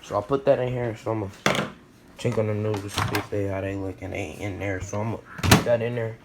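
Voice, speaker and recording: A man's voice: lowish voice, fairly even intonation, fast talker. A young American man chatting casually in slang and repeating himself as he narrates a home cooking vlog. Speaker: vlogger. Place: home kitchen. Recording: noisy home recording with clicks.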